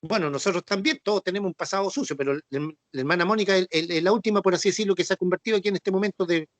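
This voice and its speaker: A man with a Chilean accent leads a Bible class in a voice pitched fairly high for a man. He explains each point patiently and keeps checking that everyone is following. The recording is dry, with little room sound. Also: racing, dry recording. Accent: Chilean Spanish. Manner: patient and repetitive, with frequent "¿no es cierto?" and "ya" checks. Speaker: Bible study teacher.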